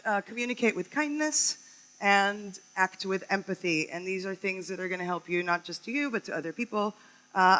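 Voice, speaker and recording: A woman's voice: medium pitch, pushed and bright, rough recording. A woman from California, giving a chatty, upbeat conference talk on stage, with many ums. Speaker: conference speaker.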